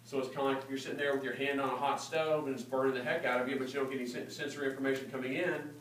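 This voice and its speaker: A man's voice: mid-range voice, flat delivery, rapid-fire, far from the mic, a little hiss or hum. A man giving a classroom lecture and taking student questions, casual and joking, often checking understanding with "okay?". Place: lecture hall. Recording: echoey room recorded from afar.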